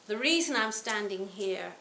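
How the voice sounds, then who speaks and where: A woman in her sixties giving a reflective Buddhist talk to a retreat audience, her phrases often trailing off softly. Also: mid-range voice, expressive, moderate pace, vocal fry. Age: 60s. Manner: reflective, warm storytelling with soft trailing phrase ends. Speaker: Buddhist teacher. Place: retreat hall. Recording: roomy hall, faint hiss.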